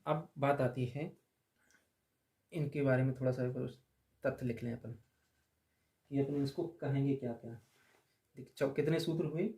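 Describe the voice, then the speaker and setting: A man teaching a grammar lesson, drilling letters aloud and repeating them slowly for the class. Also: mid-range voice, mellow.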